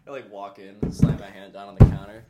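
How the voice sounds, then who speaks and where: A man's voice: on the low side, flat delivery, a little fast, very noisy. A man joking around in casual podcast banter, spinning playful stories. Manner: playful, tells jokey stories with bursts of laughter.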